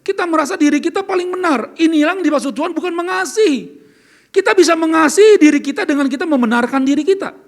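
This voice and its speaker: A man's voice: very high-pitched, lively intonation, fast, gravelly. A man preaching a sermon as pastor, earnest and questioning, asking the congregation questions as he speaks. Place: church service.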